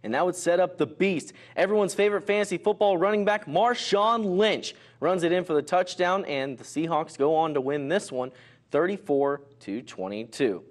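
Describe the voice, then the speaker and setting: Higher-pitched male TV sports reporter. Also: moderate pace. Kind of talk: news field reporter style scripted sports narration, highlight commentary.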